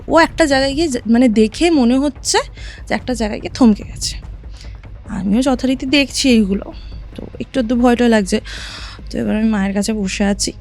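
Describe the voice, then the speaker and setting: A woman telling a listener her own ghost story in a casual podcast chat, vivid and animated, often asking "right?". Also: high-pitched. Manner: recounts events vividly, often checking in with "right?".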